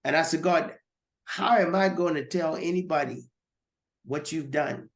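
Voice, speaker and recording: A man's voice: fairly high pitch, measured pace, creaky. A man giving a personal testimony as a guest, earnest and repeating words as he goes.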